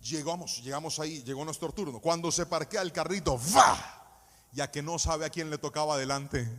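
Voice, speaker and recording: A man preaching a sermon in a church, telling personal stories and urging his listeners, moving between quiet storytelling and loud exhortation. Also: fairly high pitch, brisk, long reverb tail. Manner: addresses listeners as "hermano". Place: church hall.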